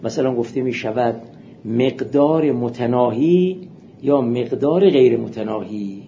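A man giving a seminary philosophy lecture, explaining texts in a measured way and reading out quotations. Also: mid-range voice, dark tone. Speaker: philosophy teacher. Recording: muffled lo-fi recording with faint hiss.

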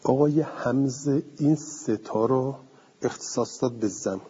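Male teacher, very husky mellow voice, reads a text then explains it, answers his own questions; lo-fi recording. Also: mid-range voice. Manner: reads a passage aloud, then explains it conversationally; asks the class questions and answers them himself. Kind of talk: classroom lecture on a classical text. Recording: dull lo-fi recording with long hall reverb.

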